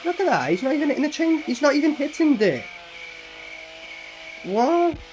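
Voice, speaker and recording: A man's voice: very high voice, very animated, moderate pace, a little mellow, slight background noise. A man giving casual, mocking running commentary on a film, sarcastic and full of swearing. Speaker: horror film reviewer reacting while watching.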